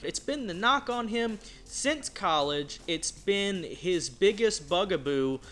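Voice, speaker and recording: A man's voice: high-pitched, animated, takes it slowly, a bit bright. A man from Virginia hosting a casual sports talk show with teasing, emphatic delivery. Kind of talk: casual sports banter and opinion.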